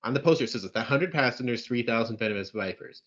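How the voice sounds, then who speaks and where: A man with an average pitch trades dry, sarcastic remarks during a casual film review chat. His voice comes through a video call with slightly muffled sound. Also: expressive, fast talker, fairly bright tone, slightly rough. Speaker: podcast co-host reviewing films.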